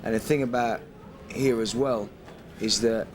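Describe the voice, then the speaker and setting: A man's voice: medium pitch, fairly even intonation, measured pace. Rambling man, noisy airport recording. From England. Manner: rambling, swears casually, laughs often. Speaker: guest DJ. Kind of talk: casual interview chat.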